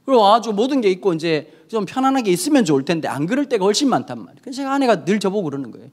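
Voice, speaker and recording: A middle-aged male pastor giving a sermon, telling the story with lively acted-out dialogue. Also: sits high, very fast. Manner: lively storytelling, acting out quoted characters in dialogue.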